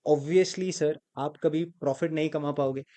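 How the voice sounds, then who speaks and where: A man's voice: on the high side, steady tone, measured pace, mellow. A man teaching an accounting class, quizzing students and prompting them to answer aloud, mixing English terms into his speech. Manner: mixes English terms into Hindi. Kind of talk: classroom lecture with call-and-response.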